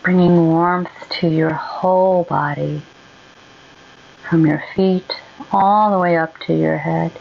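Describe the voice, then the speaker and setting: This meditation guide is a woman with a lowish, gentle, creaky voice and fairly even intonation. She moves very slowly, leaving long silences between calming instructions, on a recording that sounds a bit dull and muffled.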